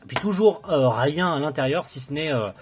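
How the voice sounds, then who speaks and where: A man's voice: a little high, expressive, moderate pace, soft background music. A young man casually reviewing a collector's box set, enthusiastic but hesitant, with many fillers and restarts.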